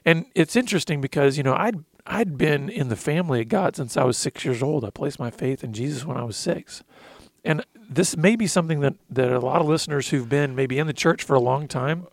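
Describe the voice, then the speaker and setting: A man's voice: fairly high pitch, a little fast, gravelly, no echo. A man in his thirties co-hosting a faith-based talk, earnestly telling his recovery story and quoting scripture with emotion. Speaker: podcast co-host sharing recovery testimony.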